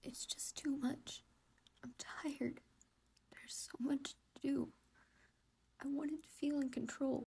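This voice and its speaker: A woman's voice: high-pitched, steady tone, slow, creaky, pauses often, a little mellow, exaggerated voice. Woman whispering as an anxious teenage boy, whispered role-play. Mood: tearful. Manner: shaky, pleading, self-questioning.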